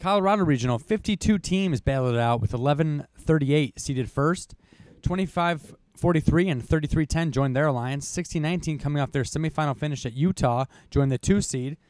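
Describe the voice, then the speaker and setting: A man's voice: fairly high pitch, fairly quick, hardly any pauses, darkish tone, no echo. A young man co-hosting a podcast, reading competition results from notes with casual asides and the odd cough. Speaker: co-host. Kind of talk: podcast rankings recap.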